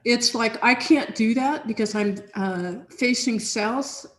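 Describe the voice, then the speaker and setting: Speaking slowly in a voice on the high side, a woman who researches for a software team rambles casually in a chain conversation, with many fillers and restarts. She is on a video call through her computer, sitting in a home office with large, sunny windows.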